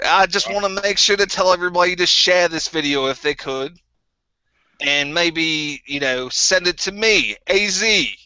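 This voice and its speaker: A man with a high-sitting voice talks at normal speed, pushed and bright yet clean, with no room sound in a dull lo-fi recording. He's playing a crude, bitter former group member, rambling and stammering through a put-on New Zealand accent.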